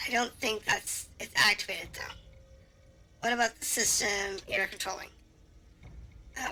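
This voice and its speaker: A woman's voice: mid-range voice, pushed and bright. A woman streamer reading a game's dialogue aloud, hesitant and full of fillers, now and then making playful animal noises.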